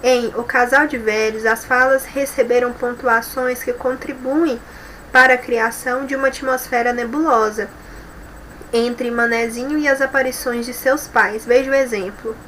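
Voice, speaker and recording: A Brazilian woman teacher giving a recorded class lesson, reading from a textbook and explaining slowly, often tagging sentences with a questioning "né?". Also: fairly high pitch, fairly even intonation, a bit bright, slight background noise, low-quality recording. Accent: Brazilian Portuguese. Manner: explains slowly with frequent "né?" tags.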